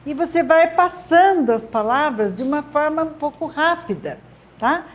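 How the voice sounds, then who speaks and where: A woman's voice: sits high, expressive, normal speed. A woman teacher with a Brazilian Portuguese accent giving encouraging advice to parents on teaching children to read, with many tag questions. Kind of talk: friendly advice talk to parents.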